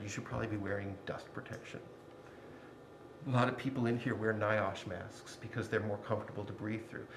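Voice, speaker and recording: A man's voice: mid-range voice, fairly bright tone. A man giving an informal, emphatic shop orientation as an instructor, speaking plainly through a face mask that slightly muffles him. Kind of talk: informal spoken orientation, explaining rules and equipment. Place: indoor woodworking shop. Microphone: distant microphone. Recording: very echoey workshop, distant mic, faint noise.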